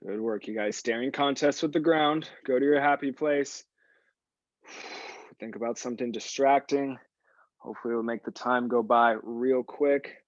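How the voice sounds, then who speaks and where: This fitness instructor's mid-range voice moves at a normal pace on a muffled recording with no echo. Coaching a live workout class, he's breathing hard with audible sighs while calling out moves and repeating brief praise to encourage the group.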